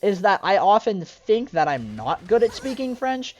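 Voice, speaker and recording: Talking over her gameplay, a young woman who streams games rambles in a casual, self-deprecating way, full of fillers and restarts. Her medium-pitched voice is very animated and moves at a moderate pace.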